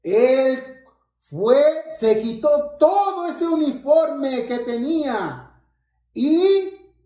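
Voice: sits high, lively intonation, very slow, warm tone, full character voice. Carlitos, an adult doing a bubbly little boy. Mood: eager. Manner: bubbly, exclaiming, talks straight to the children. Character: cheerful little boy named Carlitos, proud young scout. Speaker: children's storyteller. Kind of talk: children's Bible story in character. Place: church. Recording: echoey church room.

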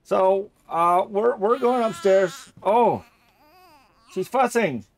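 A middle-aged gamer chats casually as he plays, rambling and laughing easily at things. He takes it slowly, and his voice sits high.

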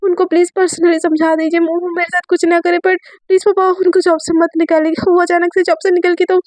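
A woman's voice: very high voice, flat delivery, brisk, darkish tone, dry recording. A woman doing a panicked stammering schoolgirl. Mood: pleading. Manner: stutters heavily, pleading. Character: terrified stammering teenage girl student.

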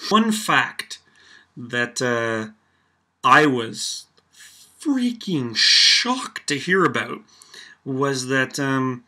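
Casting: sarcastic Canadian guy ranting to camera, bright forceful tone, slow deliberate delivery. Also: mid-range voice. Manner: sarcastic, animated, filler-heavy. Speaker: vlog host. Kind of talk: casual opinion rant.

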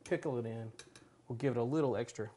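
Talking fast in a mid-range voice over a noisy background, a man in his forties hosts a home cooking show. He's chatty and enthusiastic, keeping up the talk while working in a large kitchen.

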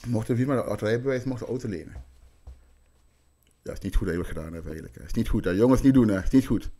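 A man's voice: on the low side, fast talker. A man from Curaçao telling school stories on a podcast, acting out the dialogue as he talks. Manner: animated anecdotes, acting out quoted dialogue. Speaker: podcast guest. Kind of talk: casual storytelling chat.

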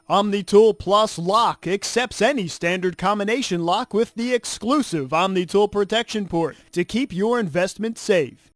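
A man plays an enthusiastic infomercial announcer with a high male voice. He sells earnestly, leaning on key phrases, and the parody voice-over sounds dry and close. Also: no room sound, natural voice. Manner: salesy, drawn-out emphatic phrase endings.

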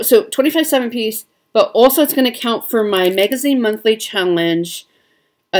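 A woman's voice: mid-range voice, darkish tone. A woman with a Midwestern American accent chatting casually as a cross-stitch vlogger, with frequent ums. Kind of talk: casual show-and-tell chat.

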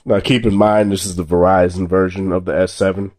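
A young tech vlogger with a very low, slightly sore voice, still recovering from being sick, talks a little fast while casually reviewing a phone in hand. He sits off camera at an indoor table, and the room and recording are dry. The delivery is relaxed and meandering, packed with fillers and restarts.

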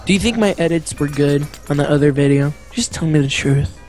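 A young man hosting a casual gameplay video, excitable, shouting and goofing around as he plays. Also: fairly high pitch, fairly quick, faint music behind. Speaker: gaming video host.

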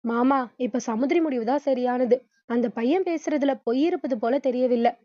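A level-headed young man makes dry, mocking remarks, as a woman reads him. The voice stays high and light. The recording is dry and slightly dull. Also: normal speed, warm tone, no room sound. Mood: calm.

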